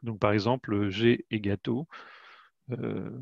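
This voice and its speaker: A man's voice: lowish voice, steady tone, slow, vocal fry, darkish tone, no echo. A man giving a webinar presentation of his educational card games, hesitant and full of "euh" fillers and restarts, on a computer mic over a video call. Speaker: educational game creator presenting. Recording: dull lo-fi webinar audio, dry.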